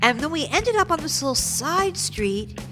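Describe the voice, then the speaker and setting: A woman's voice: sits high, moderate pace. Woman retelling a story over music. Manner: conversational, animated retelling. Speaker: host recounting the day. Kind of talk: storytelling recap.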